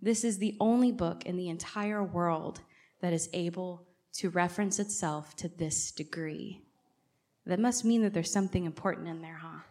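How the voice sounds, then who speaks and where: Speaking at normal speed in a warm, fairly low voice, a guest preacher delivers a conversational church sermon. A native English speaker, she keeps listeners engaged by frequently putting questions straight to the congregation.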